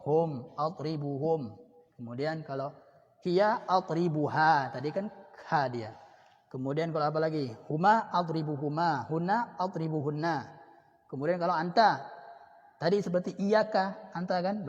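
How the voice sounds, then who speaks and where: A man with an Indonesian accent teaching an Arabic grammar lesson, repeating each example word slowly. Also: a little high. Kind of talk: classroom lesson. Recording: dull sound with long reverb.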